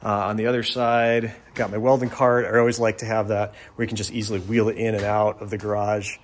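Low-voiced man rambling about his garage. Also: fairly quick, a little hiss or hum. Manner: relaxed, rambling, frequent ums and uhs. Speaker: home renovation vlogger. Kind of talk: casual narration over DIY footage. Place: garage under renovation.

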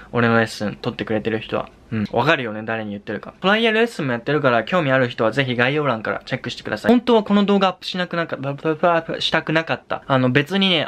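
A man's voice: mid-range voice, a bit bright. A young man from Japan, a vlogger and language tutor, talking in a casual, exasperated way and repeating himself, now and then breaking into English swearing. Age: young adult. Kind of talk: casual vlog rant.

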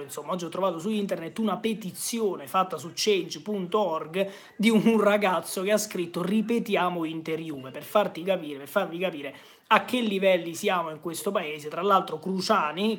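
A man running a casual live stream about football, slightly hoarse, greeting viewers by name and answering their questions from the chat. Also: a little high, fairly bright tone.

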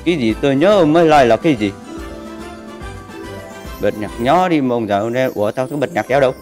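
A man's voice: medium pitch, expressive, fairly quick, darkish tone, soft background music. A man live-streaming a game, bantering crudely and jokingly with his viewers. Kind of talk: casual live-stream chat.

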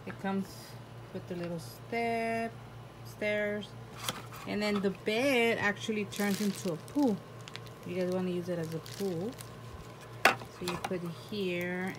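A young mother who reviews toys chats casually from her bedroom while unboxing a new toy for viewers, her voice fairly low in pitch. She describes each piece and plays along with her daughter, all captured on a noisy home phone recording.

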